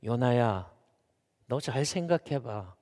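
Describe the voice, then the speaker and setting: A man voicing God as a patient male figure who questions softly and calmly. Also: mid-range voice, slow, voice pushed down. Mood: gentle. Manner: soft, calm, coaxing. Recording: long church reverb.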